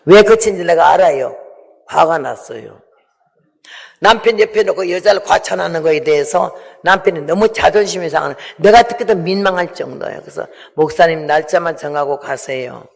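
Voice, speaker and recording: A woman's voice: fairly low pitch, brisk, vocal fry. A woman in her eighties, a missionary giving an emotional testimony sermon and acting out the dialogue she recounts. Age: 80s. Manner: emotional, acts out quoted dialogue. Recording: long reverb of a large hall.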